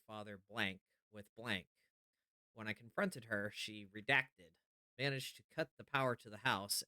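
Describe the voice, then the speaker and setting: A man reading a horror game note aloud as a troubled priest, in a solemn, measured way. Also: fairly low pitch, bright, forceful tone, dry recording. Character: troubled male priest reading out his farewell letter. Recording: music behind the voice.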